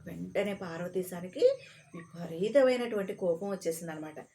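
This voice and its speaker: A woman telling a comic story in a casual, chatty way, pausing to explain old words. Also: on the low side, expressive, dark tone, slight background noise.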